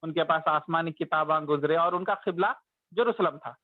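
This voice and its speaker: An Islamic teacher with a fairly high voice teaches religion in a casual, conversational style at normal speed. He narrates the story as he goes, sometimes acting out the complaints of its characters, and the sound is dry and tinny like a phone call, with no echo.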